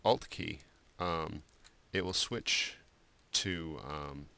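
A man giving a screen-recorded software drawing tutorial, talking loosely with many fillers and restarts. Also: rumbling low, extremely slow, creaky, no echo. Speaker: art instructor.

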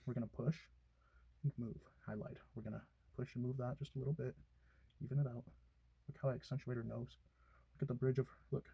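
A young man with a mellow, warm voice chats playfully as he narrates each makeup step. His tone is teasing and easygoing. The sound is dry and close. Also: mid-range voice, fairly even intonation, quick pace, gravelly, pauses often, breathy edge, dry recording. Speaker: boyfriend doing makeup on camera. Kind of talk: casual chat while doing makeup.

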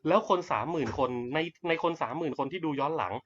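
Blunt, crude man pitching on a live stream. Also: lively intonation, fast, a bit bright, muffled recording, a little hiss or hum. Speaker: network marketing presenter.

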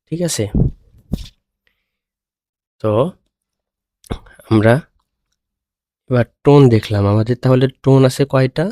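Man, Bangladeshi Bengali accent, patient language teacher, checks in often, mid-pitched voice, dry close sound. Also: dark tone, no echo. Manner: patient, repeats "okay?" after each point. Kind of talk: screen-recorded lesson explanation.

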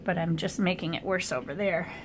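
A middle-aged woman, a watercolor artist, chatting in a relaxed way as she paints at a table indoors, picked up by an overhead camera mic. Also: lowish voice, brisk, slight background noise. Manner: relaxed, chatty running commentary. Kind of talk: thinking aloud while painting.

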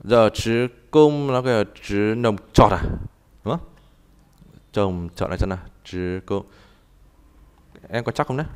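A man teaching a live online language class, talking haltingly and repeating words as he types and explains. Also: on the low side, clear, resonant tone. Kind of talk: live online tutoring session.

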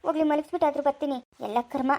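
Woman acting as a bickering village housewife, very high voice, rapid complaining. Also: darkish tone, natural voice. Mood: scolding. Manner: scolding, complaining rapid speech. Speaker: family skit actor. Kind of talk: village family drama acting.

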